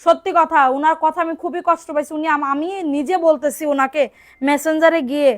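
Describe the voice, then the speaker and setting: High-pitched lady doing a live clothes sale, pushy and repetitive. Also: little pitch movement. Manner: brisk, repetitive, urging buyers to order fast; scolds commenters sharply. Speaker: online clothing seller. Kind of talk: live-stream sales pitch.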